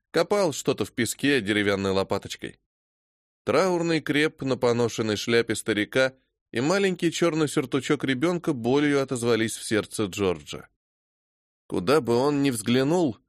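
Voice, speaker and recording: This is scripted audiobook narration by a man whose mid-range voice stays measured and even. The studio sound is clean, with no echo at all.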